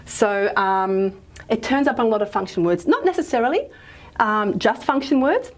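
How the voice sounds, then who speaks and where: A woman gives a relaxed recorded lecture on speech sounds. Her talk is loose and conversational, scattered with ums and "okay?" checks. She sounds out example consonants as she works at the board. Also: a little high, moderate pace. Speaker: phonetics lecturer.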